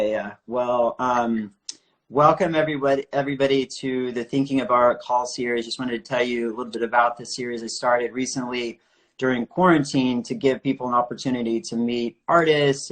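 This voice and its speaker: A man's voice: mid-range voice, fairly even intonation, normal speed, a bit bright. A man hosting a live online art interview series over a video call, chatty and full of questions. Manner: friendly, chatty, asks questions.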